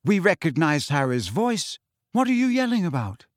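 A confident teenage witch girl answers coolly and promptly, as a man reading a storybook does her. The voice lifts high and stays lively. It sounds close and dry. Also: normal speed, dry recording.

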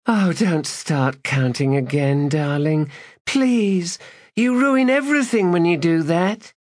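A man voicing a playful noblewoman in bed with a husky, whispering voice. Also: a little high, lively intonation, takes it slowly, no echo, clean studio sound, voice pushed up. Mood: coy, breathy.

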